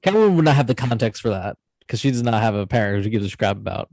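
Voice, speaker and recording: A man's voice: fairly low pitch, quick pace, vocal fry, dry recording, poor audio. A man hosting a casual chat about movies, rambling and correcting himself as he goes. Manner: rambling, self-correcting, animated. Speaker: channel host.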